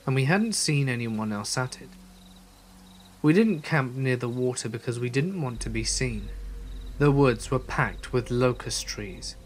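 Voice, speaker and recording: Man narrating a scary story steadily. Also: medium pitch. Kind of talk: scripted horror story narration.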